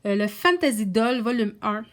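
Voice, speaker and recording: A woman casually showing her coloring books, soft-spoken and stumbling over English titles. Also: on the high side, animated, normal speed. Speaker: coloring book vlogger. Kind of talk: casual show-and-tell chat.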